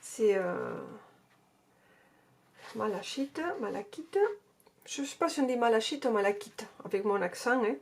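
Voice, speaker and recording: A woman's voice: mid-range voice, brisk, vocal fry, few pauses. A woman casually reviewing an oracle card deck and reading out card texts, hesitating often. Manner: hesitant, with many fillers and restarts; reads card text aloud.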